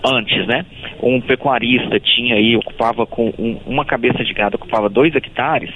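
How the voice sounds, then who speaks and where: A man's voice: mid-range voice, fairly even intonation, normal speed, faint music behind. A man with a Brazilian accent explaining things in interview answers as an agricultural advisor. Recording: tinny phone-like radio line.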